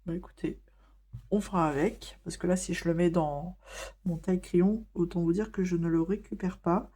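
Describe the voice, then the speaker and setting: A woman's voice: lowish voice, steady tone, moderate pace, dark tone. A woman chatting casually in a vlog while coloring, with lots of fillers and hesitations, laughing now and then. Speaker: vlogger.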